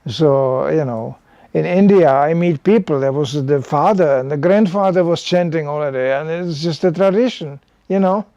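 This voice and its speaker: An older man, by birth, preaches in English to a small group in a loose, chatty way, leaning on "you know" as he goes. His voice sits a little high but sounds mellow and dark, and the recording is dry and close. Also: normal speed, no room sound, highs cut off. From Czechoslovakia. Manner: conversational, animated, frequent "you know". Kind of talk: sermon to a small gathering.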